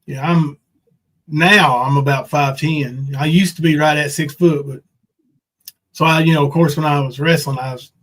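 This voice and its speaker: This podcast host is a former pro wrestler in his fifties, swapping folksy, colloquial stories about the old days in a relaxed chat. He speaks at a moderate pace in a steady tone, with a slightly high, somewhat bright voice, though the audio is poor.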